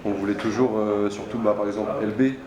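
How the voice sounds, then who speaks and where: A man's voice: fairly low pitch, flat delivery, quick pace, very noisy. A man from a rap group, eagerly reminiscing in slangy, casual interview talk. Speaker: rapper in a group. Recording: echoey room with crowd behind.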